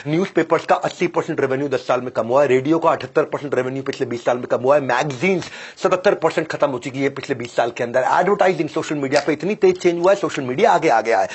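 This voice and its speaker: A man giving a motivational business lecture, emphatic and repetitive, swinging from loud declarations to low, dropped phrases and often telling the listeners to listen. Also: fast talker, hardly any pauses, breathy edge. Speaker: business coach.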